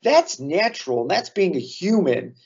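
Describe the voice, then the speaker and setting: A man's voice: high voice, sing-song, moderate pace, gravelly, a little mellow, slightly rough, lo-fi sound. A man co-hosting a casual podcast, talking earnestly and drawing lessons from sports memories. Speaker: podcast co-host.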